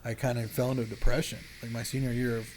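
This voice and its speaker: A man's voice: mid-range voice, little pitch movement, quick pace, a little mellow, a little hiss or hum. A young man sharing his story as a podcast guest, casual and candid, rambling with lots of filler and swearing. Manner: rambling, heavy use of "like" and swearing.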